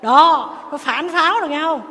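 A Buddhist nun giving a sermon, telling stories and acting out the people in them. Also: female voice, sits high, moderate pace, pushed and bright, in a large hall. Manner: storytelling, acting out family quarrels.

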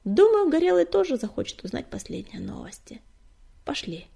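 A woman reading an audiobook, voicing a friendly male loner tomcat who talks in a warm, chatty and kindly way. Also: high-pitched, very animated, normal speed, vocal fry, voice pushed up, heavily acted.

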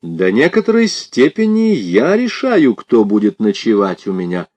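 A man's voice: lowish voice, huge pitch swings, unhurried, a little mellow, heavily acted. A man reading an audiobook, voicing a stern middle-aged householder who speaks curtly and dismissively.

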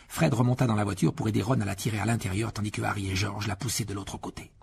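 A man narrating an audiobook in an expressive reading style. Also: fairly low pitch, fast talker, creaky, slight background noise. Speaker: audiobook reader.

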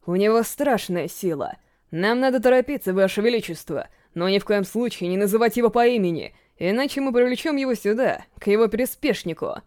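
A woman's voice: medium pitch, expressive, brisk, a little mellow, dry recording, clean studio sound, lightly acted. A woman voicing a grave, worried old male priest in an audiobook. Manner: grave, urgent.

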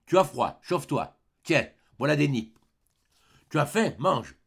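A man voicing a brusque, scolding older male showman who barks orders in short, gruff bursts. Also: a little high, big pitch swings, unhurried, voice pushed up, heavily acted. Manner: barking, shouting commands.

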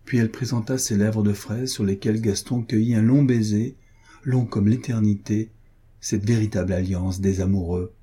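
A man reading a nineteenth-century romance novel aloud in calm, measured narration. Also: lowish voice, slightly rough. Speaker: audiobook reader.

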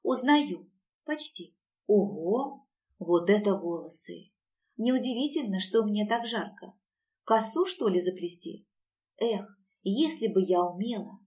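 A woman's voice: mid-range voice, animated, a little slow, darkish tone, distant mic, natural voice. Woman doing a sarcastic modern young heroine. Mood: wry. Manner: dry, slangy and sarcastic.

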